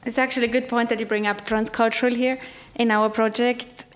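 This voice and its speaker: A woman conducting an academic interview, putting questions in measured, formal phrasing. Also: a little high, flat delivery.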